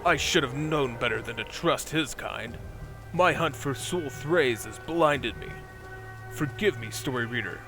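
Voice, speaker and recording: A man playing a weary male warrior quest-giver who speaks in a solemn, measured way. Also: mid-range voice, music in the background, natural voice, low-quality recording.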